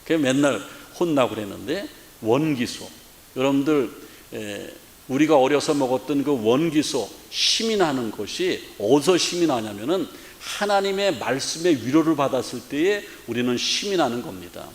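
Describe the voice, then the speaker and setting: A man's voice: medium pitch, expressive, moderate pace. A man from Korea, a pastor giving an earnest sermon full of rhetorical questions and filler sounds. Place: church sanctuary. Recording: long church hall reverb.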